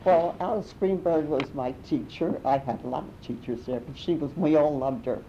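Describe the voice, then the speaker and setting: Older lady telling old family stories, low dark voice, muffled recording w/ faint rumble. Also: normal speed. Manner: rambling, warm storytelling with restarts and small laughs. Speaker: interviewee. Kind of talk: oral history reminiscing.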